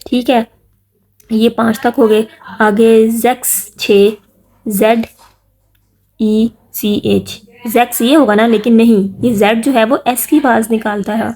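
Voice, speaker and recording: A woman's voice: fairly high pitch, steady tone, darkish tone. A woman giving a casual spoken lesson, spelling words out letter by letter and asking listeners to repeat after her. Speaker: language teacher.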